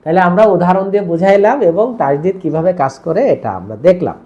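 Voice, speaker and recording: Slow sing-song Quran teacher, man. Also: sits high, animated, dull audio. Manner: slow sing-song drilling of rules with questions and answers. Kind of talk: teaching lesson with slow chanted recitations.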